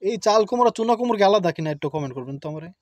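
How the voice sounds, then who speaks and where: A man chatting quickly to camera in a village garden, often giving thanks to God as he shows his crops. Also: sits high, expressive, dry recording. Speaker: village life vlogger. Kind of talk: casual vlog chat to camera.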